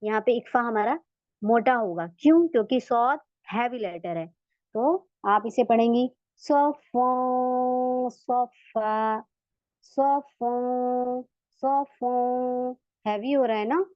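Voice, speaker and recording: A woman with a fairly high voice teaches a recitation lesson to women, patient and step-by-step, stretching sample words out slowly to show how they sound. The recording is dull and lo-fi, with a dry sound close to the mic. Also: lively intonation, no echo. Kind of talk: online tajweed lesson for women.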